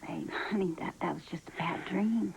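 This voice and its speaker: An actress playing a down-to-earth mother who comforts her daughter in a soft, homespun way. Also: fairly low pitch, moderate pace, creaky, background noise. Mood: soothing. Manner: soothing, homespun, soft-spoken. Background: faint background music.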